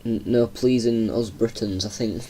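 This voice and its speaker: A man's voice: fairly low pitch, fairly even intonation, normal speed, slight background noise. Chatty young man with a Yorkshire accent. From Yorkshire, England. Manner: chatty and rambling, laughing softly now and then. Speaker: gaming channel host. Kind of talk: casual gameplay commentary.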